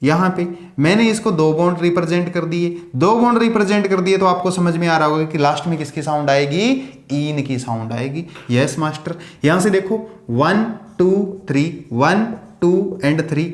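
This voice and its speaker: A man's voice: fairly high pitch, moderate pace. A man teaching a science lesson, asking questions and answering them himself, counting aloud as he draws. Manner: counts aloud while drawing. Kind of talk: classroom lecture. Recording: echoey room.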